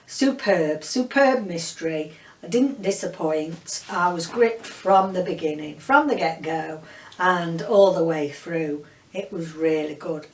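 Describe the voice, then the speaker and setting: A woman's voice: lowish voice, slow pace. A woman with a Yorkshire accent chatting rambly about books in a casual vlog wrap-up, with lots of filler words. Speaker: book vlogger. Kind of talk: casual monthly book wrap-up. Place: home room with bookshelves behind her. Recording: roomy, distant mic, faint background hiss.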